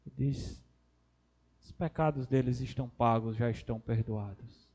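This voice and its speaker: A man preaching an expository sermon. He swings between loud cries and soft, drawn-out words. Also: mid-range voice, steady tone. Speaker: pastor.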